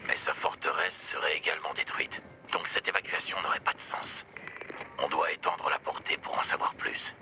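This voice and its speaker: An actor playing a gruff, weary, protective older resistance ally in a French video game dub, with a low gravelly voice. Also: male voice, fairly even intonation, normal speed, heavy background noise. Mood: grave, wary.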